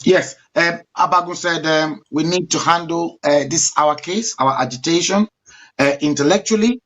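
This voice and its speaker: A man's voice: fairly high pitch, moderate pace, fairly bright tone. A man co-presenting a talk show, speaking courteously with hesitations. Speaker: co-host.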